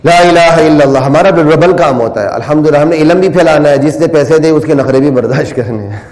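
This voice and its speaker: A man delivers a sermon in a somewhat high voice, his words trailing off into a long reverberant hall. He drops into quiet asides, then climbs into loud, emphatic exhortation, and recites Arabic verses slowly. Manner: swings between soft asides and loud, rising exhortation; quotes Quranic Arabic slowly. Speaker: religious teacher.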